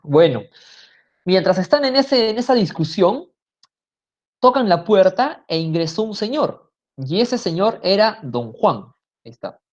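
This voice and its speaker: A woman's voice: mid-range voice, big pitch swings, a little slow, darkish tone, muffled recording. A woman telling a story in a casual, conversational way. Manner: conversational, with fillers and restarts.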